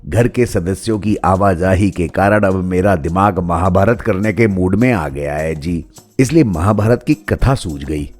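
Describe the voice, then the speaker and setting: A man's voice: low voice, a little slow, a little mellow, faint music behind. A man voicing a flustered storyteller who apologizes to his online audience. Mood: sheepish. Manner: apologetic, sheepish. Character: flustered middle-aged man, sheepish live storyteller.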